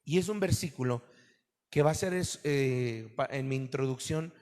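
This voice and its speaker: A pastor preaching a sermon to his congregation, animated and full of questions to his listeners. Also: mid-range voice, moderate pace, long reverb tail.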